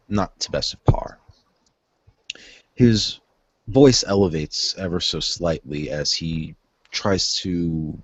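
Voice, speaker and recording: A man narrating a tabletop role-play as game master, descriptive and unhurried with filler pauses. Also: very deep voice, breathy edge, dry recording, muffled recording.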